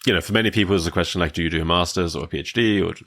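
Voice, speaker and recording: A man hosts a casual podcast interview, asking questions and sharing his own story amid plenty of fillers and hesitations. His low-sitting voice is slightly bright and very fast.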